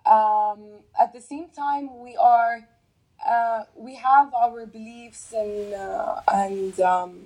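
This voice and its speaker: A woman's voice: a little high, steady tone, slow pace, darkish tone, rough recording. A young woman from Jordan, a fashion influencer, answering interview questions hesitantly with many fillers. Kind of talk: casual interview chat.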